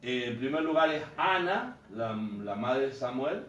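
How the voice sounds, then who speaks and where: A priest, giving an informal teaching talk to a group and telling stories with quoted dialogue. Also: male voice, mid-range voice, animated, a little slow, fairly bright tone, muffled recording. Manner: storytelling, acting out quoted dialogue. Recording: echoey room, mic far off.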